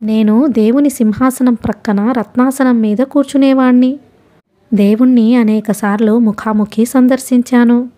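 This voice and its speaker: Rambling old hermit man, mad and grandiose, fawning and boastful, raised mellow voice, storybook figure, put on by a woman narrator. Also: a little high, steady tone, normal speed, natural voice.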